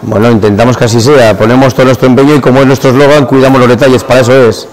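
A man's voice: medium pitch, steady tone, very fast. A man in his forties with a mid-range voice chats about his shop, talking freely but stumbling and repeating words at times. He stands at an exhibitor stand in a hotel hall. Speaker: shop owner. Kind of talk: on-camera interview.

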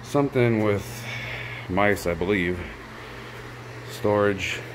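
On a handheld camera, a vlogger gives a relaxed, offhand walkthrough of a campus building and its rooftop greenhouse, moving from the grounds outdoors to the interior. His voice is lowish and slow, with background noise around him.

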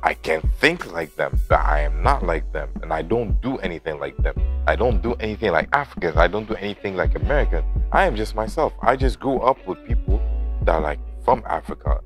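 Talking to camera from inside a house on a lapel mic, a young vlogger in his twenties who grew up in Lebanon rambles loosely, full of "you know" and "like." His deep voice is animated and fairly quick. Soft music plays in the background.

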